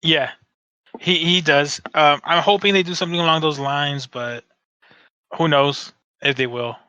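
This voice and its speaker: A man's voice: a little high, fairly even intonation, measured pace, sharp tone, smooth, no room sound. A man co-hosting a casual fan podcast, talking in a rambling way with many restarts and frequent swearing. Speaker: podcast co-host. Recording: dull dry lo-fi sound.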